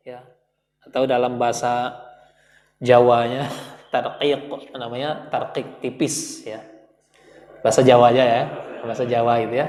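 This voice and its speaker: A man teaching Quran recitation, patiently repeating letter sounds for his students. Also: fairly high pitch. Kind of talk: classroom lesson. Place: prayer room. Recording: echoey room with long reverb.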